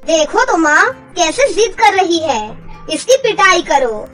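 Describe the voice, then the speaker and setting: A woman's voice: extremely high pitch, sing-song, slow, a bit bright, faint music behind, heavily acted. A woman voicing a spoiled, whiny teenage stepsister in a cartoon story. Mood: spoiled whining.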